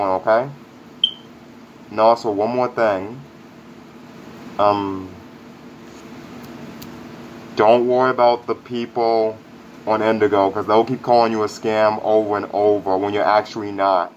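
A man's voice: lowish voice, fairly even intonation, a little slow, long pauses. A man speaking through a face mask in a casual, rambling vlog review, upbeat and repeating himself. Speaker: product reviewer. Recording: dull lo-fi audio with faint air conditioning hum.

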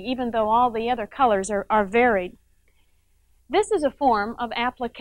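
Frequent tag questions to the viewer punctuate the chatty, step-by-step quilting demonstration given by a middle-aged TV host with a fairly high voice. The recording is dry and rough.

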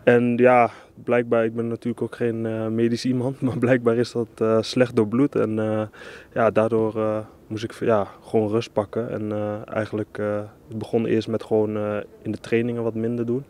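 A man's voice: fairly low pitch, monotone, normal speed, hardly any pauses, darkish tone. A young man, a footballer, answering interview questions hesitantly with many fillers.

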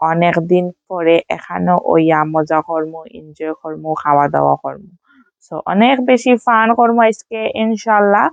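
A woman's voice: mid-range voice, vocal fry, clean tone, dry recording. A woman from Sylhet, Bangladesh, with a Sylheti Bengali accent, chatting casually in a vlog voice-over and sprinkling in English fillers. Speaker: vlogger.

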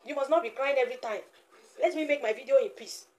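Woman, casual vlog chat, teasing, coos to baby, slightly high voice. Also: fast. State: sweating, flustered. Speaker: vlogger, mother of a baby.

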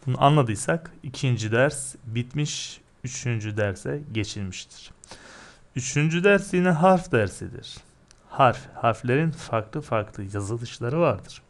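A man teaches a recorded reading lesson at an unhurried, deliberate pace and a mid-range pitch. He drills syllable after syllable patiently, posing questions and then answering them himself. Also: lively intonation.

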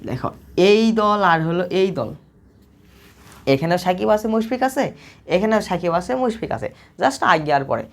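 A woman's voice: on the low side, big pitch swings, normal speed, long pauses. A woman teaching math in a recorded video lesson. She explains patiently and repetitively, asking the class questions and then answering them herself in the students' place.

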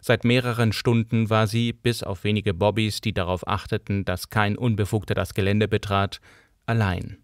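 A man reading a steampunk audiobook in a steady, even storytelling voice. His pitch sits on the lower side and the sound is dry and close, with almost no room around it. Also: normal speed, no echo. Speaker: audiobook narrator. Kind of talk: scripted audiobook narration.

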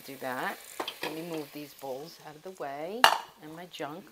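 A woman's voice: low-pitched, measured pace, very noisy. A woman chatting casually in her home kitchen as she shows how to cook. She rambles and confides in her viewers as she goes. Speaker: home cooking vlogger. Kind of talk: casual cooking demonstration.

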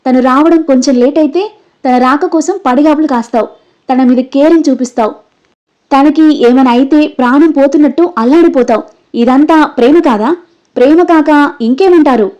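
A woman reading the part of a young man who pleads with and scolds his best friend in a high, mellow voice, on a dull, lo-fi recording. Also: a little fast, natural voice. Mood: angry. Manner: emotional, scolding outbursts.

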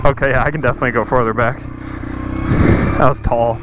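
A man's voice: medium pitch, steady tone, fast talker. A man vlogging casually from inside a helmet as he rides a dirt bike, thinking aloud in short bursts. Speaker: motovlogger. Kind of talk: casual riding commentary. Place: outdoors on a dirt bike in a yard. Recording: helmet mic under loud motorcycle engine noise. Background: loud motorcycle engine.

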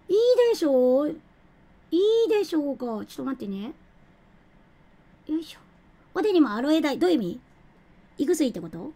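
High-voiced chatty woman streamer. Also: warm tone. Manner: chatty, giggly, reads out and thanks viewers. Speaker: game streamer. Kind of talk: casual live-stream chat.

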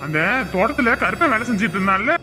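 A man's voice: high voice, lively intonation, fast, pushed and bright, faint music behind. A man playing a caring middle-aged village father in a family drama, speaking earnestly. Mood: worried.

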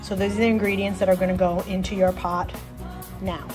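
Briskly and with little pitch movement, a middle-aged woman in a medium-pitched voice explains a recipe step by step as host of a casual cooking demonstration. The setting is an indoor home kitchen, with music and frying, sizzling sounds behind her.

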